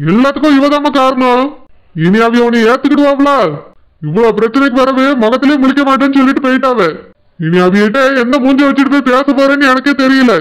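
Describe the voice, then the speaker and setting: A man's voice: extremely high pitch, fairly bright tone, clean tone, poor audio. A man voicing a stern, angry middle-aged village father who lectures indignantly with a Tirunelveli Tamil accent. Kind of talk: cartoon voice acting.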